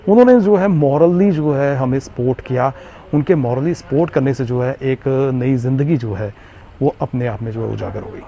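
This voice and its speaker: Speaking at normal speed in a mid-range, gravelly yet mellow voice, a man with a Jammu Hindi accent recounts his Covid illness to an interviewer. His telling is earnest, repetitive, and full of fillers. Faint background noise sits under a slightly muffled recording.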